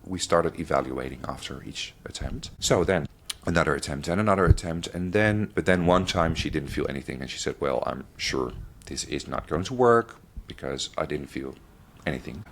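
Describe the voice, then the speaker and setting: Low-voiced guy, talks in stops and starts, slight background noise. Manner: halting, with restarts and fillers. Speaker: podcast guest sharing his family story. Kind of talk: candid interview talk.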